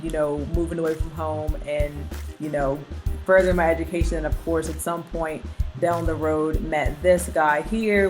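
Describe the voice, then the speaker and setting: Woman, from Virginia, very low voice, middle-aged, relaxed storytelling, many fillers, faint music. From Virginia, USA. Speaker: physical therapist turned travel business co-owner. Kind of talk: casual conversational storytelling.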